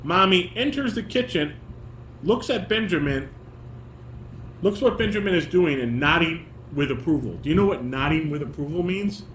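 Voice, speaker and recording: In an echoey home recording with background noise, a middle-aged man coaches his family's read-through, voicing stage directions and instructing step by step. He sounds a little high, animated and fairly bright at normal speed.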